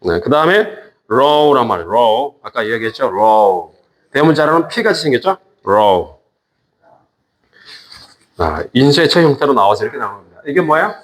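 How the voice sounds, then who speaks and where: A man teaching a class, patiently repeating each word and joking with students. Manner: slow, lively pitch, drawn-out repetitions. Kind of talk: classroom lesson.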